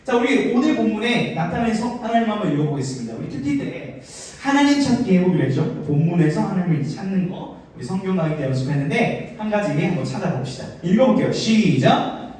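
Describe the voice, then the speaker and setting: A man in his thirties giving a lively youth sermon, acting out voices and leading the room in call-and-response. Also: sits high. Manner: animated, acts out voices and leads call-and-response. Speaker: youth pastor. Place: church hall, live service. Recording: very echoey hall, mic from a distance.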